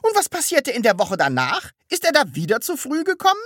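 A woman's voice: mid-range voice, wildly swooping pitch, normal speed, a bit bright, no room sound, studio quality, voice pushed up. A woman voicing a nosy, impatient middle-aged landlady who pries and reproaches. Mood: prying. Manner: curious, prying, reproachful.

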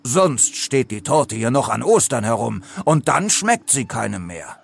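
A man voicing a boastful, clumsy young lion king in a storybook reading, excitable and whiny. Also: medium pitch, unhurried, vocal fry, breathy edge, exaggerated voice. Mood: excited.

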